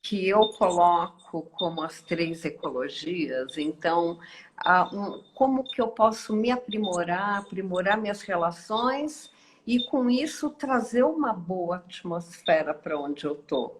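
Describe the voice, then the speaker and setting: A woman with a Brazilian Portuguese accent, a guest speaker giving a reflective live-stream talk with many pauses and tag questions. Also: on the low side, expressive, slight background noise. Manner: slow, thoughtful, with frequent pauses and tag questions. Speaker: guest speaker and course teacher.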